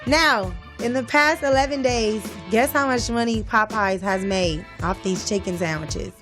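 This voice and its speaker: A woman co-hosts a casual hip hop talk show, sounding doubtful and laughing often. Her voice sits a little higher than most, with faint music in the background. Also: measured pace, fairly bright tone. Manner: skeptical, laughs easily. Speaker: co-host.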